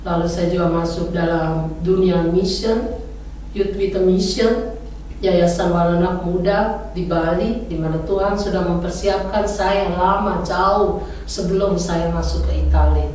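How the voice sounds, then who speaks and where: A woman's voice: lowish voice, measured pace, a little mellow, slight background noise. Echoey woman preaching from far off. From Indonesia. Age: 40s. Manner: earnest preaching, growing fervent and emphatic. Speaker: minister to Indonesian migrants. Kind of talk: personal testimony and exhortation. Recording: very echoey room, mic far off.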